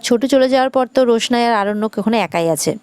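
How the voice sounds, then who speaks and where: A woman narrating a TV serial episode in a steady storytelling way, quoting each line of the characters. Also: on the high side, fast, clean tone, no room sound. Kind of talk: retelling a TV serial episode with quoted dialogue.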